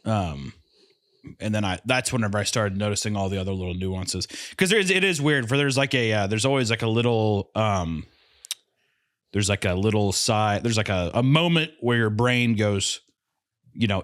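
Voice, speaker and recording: A man's voice: on the low side, moderate pace, fairly bright tone, dry recording, clean studio sound. A man co-hosting a crude comedy podcast, rambling through stories with lots of fillers. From United States. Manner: rambling storyteller, acts out voices. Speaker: podcast co-host.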